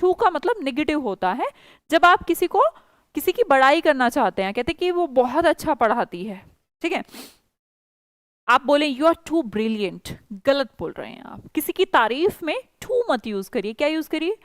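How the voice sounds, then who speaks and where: A woman teaching a spoken English class, explaining patiently and saying example sentences slowly. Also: high voice, big pitch swings, no room sound. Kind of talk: online class teaching, mixing Hindi and English.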